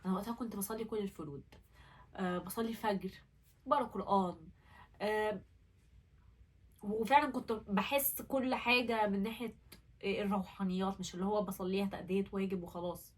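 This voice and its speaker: A woman's voice: medium pitch, steady tone, quick pace, pauses often, far from the mic. A young woman with an Egyptian Arabic accent tells her own story in an earnest, candid and emotional way. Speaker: vlogger. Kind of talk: personal storytelling vlog.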